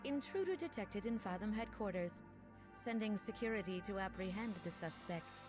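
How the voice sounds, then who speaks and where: A woman voicing a stern automated security alarm system in a video game, with flat, clipped announcements. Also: medium pitch, normal speed, over music, lightly acted.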